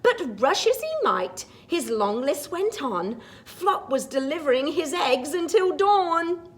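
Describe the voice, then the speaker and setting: A woman storytime teacher reads a picture book aloud to young children, her delivery expressive and sing-song with chatty asides. Her voice sits high and she reads slowly.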